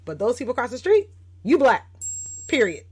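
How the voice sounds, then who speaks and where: With a fairly high, breathy voice and a brisk delivery, a woman in her thirties tells stories as a guest educator on a casual podcast. She is reflective, yet animated whenever she quotes someone.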